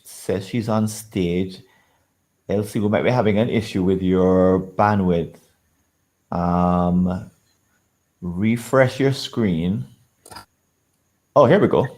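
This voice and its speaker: Brisk, encouraging man running a workshop. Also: low-pitched, a little mellow. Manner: brisk, encouraging, often laughing. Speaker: workshop facilitator. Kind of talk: casual online workshop hosting.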